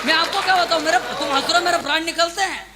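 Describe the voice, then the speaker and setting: A man's voice: extremely high pitch, fast, noisy background. A man telling self-mocking comic stories on stage and urging the crowd to clap. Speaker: stand-up comedy poet. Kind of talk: live comic storytelling on stage. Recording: live stage mic in a large hall.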